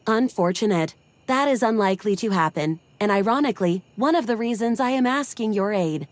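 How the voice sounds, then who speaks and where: A woman's voice: medium pitch, animated, fairly quick, dry recording, lightly acted. A woman voicing a robotic female smart-speaker assistant in a video game, with formal, stiff, robot-like phrasing.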